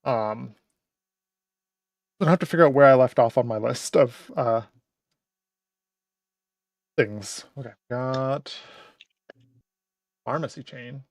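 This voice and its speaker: A man's voice: medium pitch, slow, pauses often, no echo, studio quality. A man streaming casually, thinking aloud as he works through his notes. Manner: thinks aloud while working.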